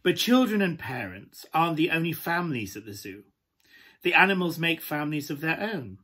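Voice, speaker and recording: Camp british panto dame done by a guy telling kids a story, bit high, husky and breathy, really coaxing. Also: sing-song, normal speed, bright, forceful tone, heavily acted. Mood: cosy, playful. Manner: camp, coaxing, asking the listeners questions. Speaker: storyteller, host of a children's story time. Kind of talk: animated children's storytelling. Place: small room at home, indoors.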